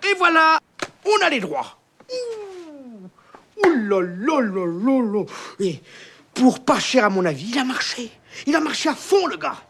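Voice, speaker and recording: A man's voice: high voice, sing-song, fairly quick, vocal fry, fairly bright tone, full character voice. An actor playing a naive, bumbling, cheerful middle-aged man in a film comedy. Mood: bluffing. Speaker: film character.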